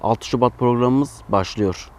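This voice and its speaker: A male host reads a scripted program introduction. He speaks in a measured announcing manner. His voice sits in a middle pitch.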